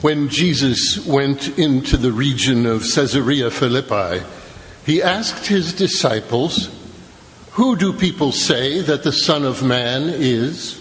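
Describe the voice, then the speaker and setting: A man reads scripture aloud at mass, taking each phrase slowly and deliberately. His voice sits in a mid register and rings out with a long cathedral echo through a large church. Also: mid-range voice, expressive, fairly bright tone. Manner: slow, measured proclamation. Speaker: gospel reader at mass. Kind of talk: liturgical scripture reading.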